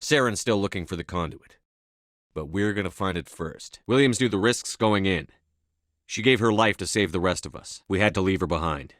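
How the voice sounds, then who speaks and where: A resolute male military commander from a video game. His voice sits fairly low and is recorded dry. He speaks firmly in clipped, commanding phrases, stern and driven. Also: normal speed, fairly bright tone, dry recording. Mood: grim resolve. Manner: firm, commanding, clipped delivery. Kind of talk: video game dialogue acting.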